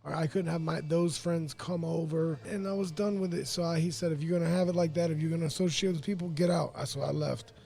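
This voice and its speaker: A man's voice: a little high, fairly even intonation, fast, creaky, few pauses, mellow. A young man from Florida as a podcast guest, talking candidly and rambling with fillers in a casual interview. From Pine Hills, Florida. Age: young adult.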